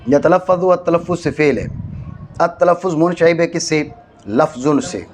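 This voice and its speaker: A man's voice: fairly high pitch, a little hiss or hum. Man teaching, quizzing phrase by phrase. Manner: dictates phrase by phrase, quizzes the student. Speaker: teacher of Arabic grammar. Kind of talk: classroom lesson.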